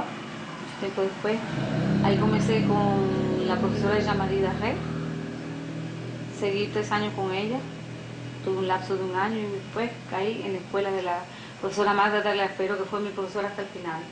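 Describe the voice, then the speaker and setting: A middle-aged Dominican woman with a Dominican accent, answering interview questions at an even, middling pitch. She talks hesitantly, pausing and restarting as she searches for words. The sound is roomy and echoey, with a steady hiss from an old video tape. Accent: Dominican Spanish. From Dominican Republic. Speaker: piano and French teacher. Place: living room on a sofa.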